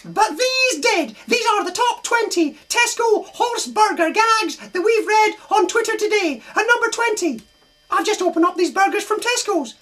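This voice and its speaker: An absurdly high, squeaky falsetto with a Scottish accent. It is a cheeky, excitable sock puppet in a comedy double act. The delivery is silly patter built on setups and punchlines. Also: male voice, normal speed, exaggerated voice.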